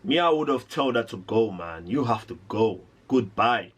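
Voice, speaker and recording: A man's voice: on the low side, animated, moderate pace, husky. A man hosting a reaction video, giving indignant, rambling commentary with lots of restarts.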